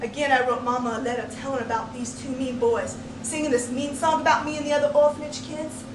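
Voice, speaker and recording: A woman competing in a speech contest performs a tall tale, her very high voice keeping fairly even intonation while she stays theatrical and folksy. She uses dramatic emphasis, deliberate pauses, and folksy turns of phrase. The noisy live room, recorded by a distant microphone indoors, sounds roomy and far off.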